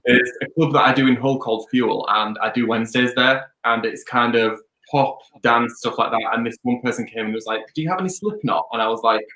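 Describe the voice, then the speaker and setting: Young dj guest, rapid bright delivery, echoey room on a video call. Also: male voice, mid-range voice. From Leeds, England. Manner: chatty, upbeat, rambling. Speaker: DJ and music producer guest. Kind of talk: casual interview chat.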